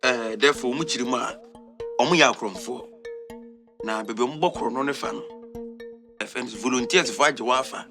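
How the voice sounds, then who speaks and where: A Ghanaian man playing an excitable comic trickster in a skit, insistently repeating his words. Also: medium pitch, brisk, long pauses, music in the background, lightly acted. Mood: reassuring, insistent. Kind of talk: improvised comedy skit dialogue in Ghana.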